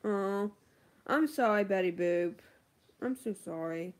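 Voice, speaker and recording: A woman's voice: mid-range voice, slow, darkish tone. A woman beauty vlogger chatting casually on a livestream, answering viewer comments with lots of ums and likes.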